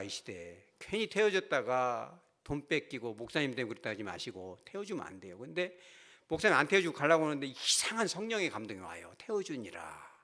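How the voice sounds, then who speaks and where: A man's voice: medium pitch, a bit bright. A male pastor preaching a sermon, telling a story with animation and putting questions to the congregation.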